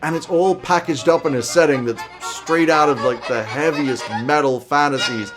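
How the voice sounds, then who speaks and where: A man in his thirties with a somewhat high voice speaks at moderate pace, hosting a tabletop roleplaying video. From a small indoor home office, he delivers scripted commentary to camera emphatically and enthusiastically over background music.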